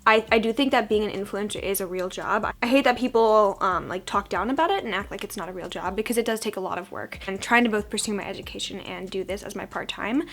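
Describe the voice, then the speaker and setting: A woman's voice: medium pitch, fast talker, hardly any pauses, fairly bright tone. A young woman with a froggy, under-the-weather voice, chatting casually and self-deprecatingly as a beauty vlogger doing a get-ready-with-me. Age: young adult. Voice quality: froggy, congested sick voice. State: sick with a cold-like hoarseness.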